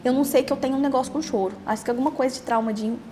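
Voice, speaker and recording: A young Brazilian woman telling her own story in a halting way, repeating words and trailing off. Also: sits high, mellow, slight background noise. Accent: Brazilian Portuguese. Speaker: podcast host interviewed as guest. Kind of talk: emotional personal testimony.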